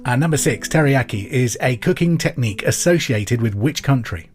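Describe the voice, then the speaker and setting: Hosting a pub quiz podcast over background music, an Englishman speaks in an expressive mid-range voice at a moderate pace. He keeps it chatty and makes a point of repeating questions clearly.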